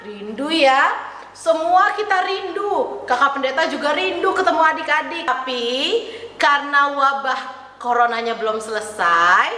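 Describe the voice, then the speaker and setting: Woman pastor coaxing kids through a sunday school lesson, slow and gentle, long echo, bit of hiss. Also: sits high, animated, far from the mic. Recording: echoey hall, faint noise.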